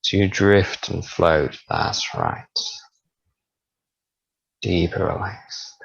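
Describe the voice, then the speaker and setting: A deep, gravelly male voice guides a hypnosis relaxation at an extremely slow, soothing pace, drawing out every phrase. The recording is dull and lo-fi. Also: wildly swooping pitch, no echo.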